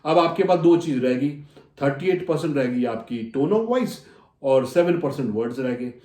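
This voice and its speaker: Animated male coach, echoey room. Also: medium pitch, normal speed. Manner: animated, acts out customer dialogues; addresses listeners as friends. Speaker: soft skills coach. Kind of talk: motivational lesson.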